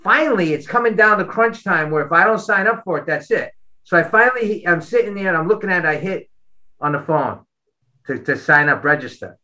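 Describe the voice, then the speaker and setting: Brief: man, high and very bright voice, animated guest telling a story. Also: fairly quick, poor audio. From Boston. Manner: animated storyteller, repeats words. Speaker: guest athlete. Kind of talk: casual storytelling interview.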